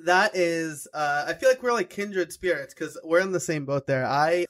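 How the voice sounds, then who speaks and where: Male host from New York, slightly high voice, friendly interviewer with quick affirmations, video call audio. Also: a bit bright. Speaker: podcast host. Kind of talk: casual interview chat.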